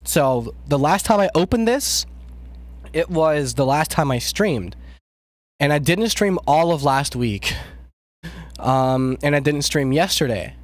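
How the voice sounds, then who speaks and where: A man's voice: fairly high pitch, expressive, slow pace, no room sound. Sick guy streaming, cough drop in his mouth, rambly and sweary. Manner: rambling, swears often, self-deprecating. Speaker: music producer streaming. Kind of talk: casual live-stream chat.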